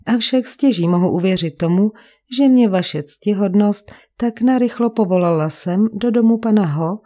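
Tired cultured painter guy from a storybook, calm, low and warm, woman reading his lines. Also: lightly acted. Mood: resigned, cultured. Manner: cultured, resigned. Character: frail, refined male painter around thirty, weary.

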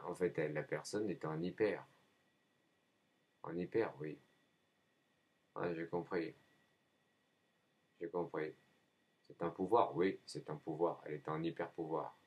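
Very deep husky man rambling. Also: darkish tone. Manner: repeats himself, answers his own questions; halting, frequent hesitations. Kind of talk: rambling spoken monologue.

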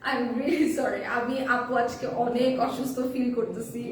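Hoarse woman hosting a live sale. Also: fairly high pitch, unhurried, echoey room, far from the mic. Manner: chatty, mixes English phrases. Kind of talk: live selling stream.

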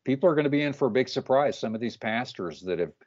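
A man in his thirties hosting an interview over a video call, speaking in a measured, halting way. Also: medium pitch, animated, muffled recording. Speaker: host. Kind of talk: casual interview talk.

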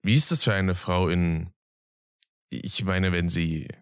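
A man's voice: low-pitched, slow pace, clear, resonant tone, no echo, studio quality. A man voicing a kind, awkward young wizard who stammers, in a fan audio drama. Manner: gentle, hesitant, stammering.

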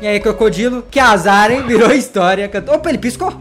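Fast-talking excitable gamer. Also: male voice, high-pitched, soft background music. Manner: excitable, jumpy, talks straight to viewers. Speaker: gaming vlogger. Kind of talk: let's-play commentary.

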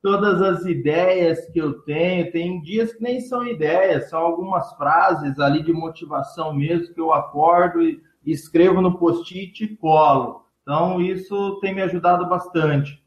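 A man, a teacher of entrepreneurship, answering interview questions in relaxed talk with many fillers and trailing phrase ends. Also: a little high, unhurried, hardly any pauses, roomy sound, low-quality recording. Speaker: entrepreneurship teacher and speaker, guest.

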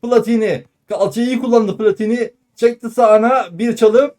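Male football commentator, high pitch, terse live play-by-play, breaks into excited yelling on big moments. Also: moderate pace. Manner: excited shouting on goals and shots; clipped phrases, calling out player names.

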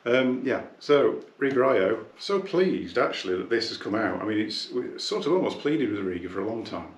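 Male dealer, low-pitched, easygoing unboxing chat; noisy room with clicks. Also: very animated, normal speed, echoey room. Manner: chatty, thinking aloud while handling the product. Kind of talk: casual unboxing talk.

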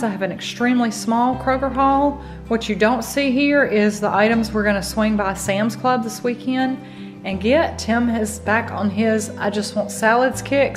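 A middle-aged woman who hosts a cooking channel holds the camera at arm's length in her parked car for a casual vlog chat. Her voice is on the high side, with clear background music beneath it. Chatty and thrifty, she talks easily through prices and her plans for the week.

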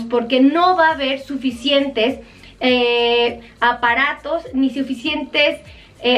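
Earnest high-voiced Mexican woman doctor. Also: fairly bright tone, recorded from a distance. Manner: earnest, pleading, heartfelt. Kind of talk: live-stream health advice to viewers.

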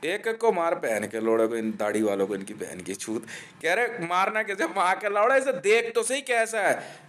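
A man's voice: high-pitched, expressive, normal speed, fairly bright tone. A man from India delivering a profane ranting monologue, aggressive and taunting, swearing constantly and laughing between threats.

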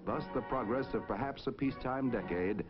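A man's voice: medium pitch, fairly quick. 1950s broadcast man, lo-fi with music. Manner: stately, declamatory announcer delivery. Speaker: narrator. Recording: dull lo-fi 1950s film soundtrack with music.

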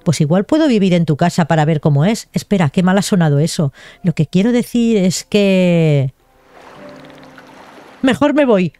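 A woman's voice: fairly low pitch, expressive, normal speed, warm tone, natural voice. A woman reading aloud the lines of a shy young male villager who loves trees, in a bashful, rambling way. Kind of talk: reading game dialogue aloud.

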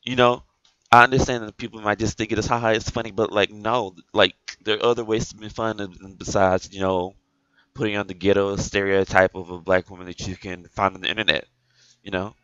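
A man giving an exasperated opinion rant to camera, repeating himself and filling pauses with "like". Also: on the low side, flat delivery, a bit bright, smooth, dry recording, muffled recording. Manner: exasperated, repetitive, heavy on "like" fillers. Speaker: gaming video creator.

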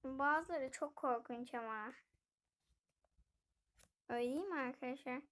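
A woman's voice: high voice, unhurried, fairly bright tone. A woman casually narrating her play of a life-sim game, chatting to her viewers as she goes. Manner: chatty, keeps addressing viewers directly. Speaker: gaming video host.

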